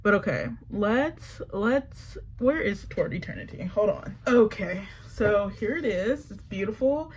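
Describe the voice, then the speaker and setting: A young woman book vlogger chats casually to the camera about books, very animated and unhurried, with lots of fillers and hardly any pauses. Her voice is mid-range, and she sometimes reads passages aloud. The audio is poor, with slight background noise.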